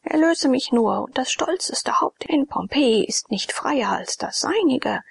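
A woman's voice: high-pitched, animated, unhurried, gravelly, breathy edge, in a whisper, voice pushed up, exaggerated voice. A woman voicing a desperate male priest locked in a cellar, pleading and then swearing revenge. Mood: vengeful.

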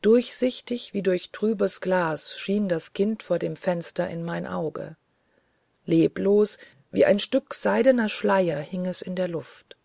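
An audiobook narrator reading a gothic first-person tale in a slow, solemn, dramatic way. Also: mid-range voice, gravelly, darkish tone, no room sound, clean studio sound.

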